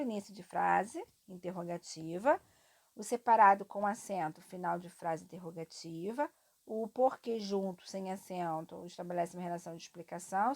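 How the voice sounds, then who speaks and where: A woman teacher from Brazil, lively and encouraging as she talks students through a grammar exercise. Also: mid-range voice. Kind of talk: classroom lesson explaining exercises.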